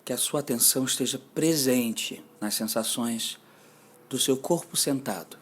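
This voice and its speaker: A man with a Brazilian Portuguese accent leads a mindfulness meditation, offering gentle, deliberate instructions separated by long pauses. His voice sits at a medium pitch with a slightly rough edge.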